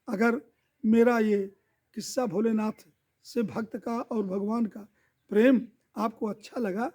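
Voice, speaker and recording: A man telling a devotional folk tale in a lively oral style, repeating sound words. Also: sits high. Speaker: storyteller.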